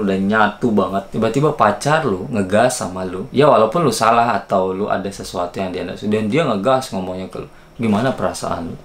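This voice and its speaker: Gravelly man telling a story, slang. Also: lowish voice. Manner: chatty, confiding, talks straight to the viewer. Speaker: vlogger. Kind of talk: casual storytelling to camera. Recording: echoey room, faint noise.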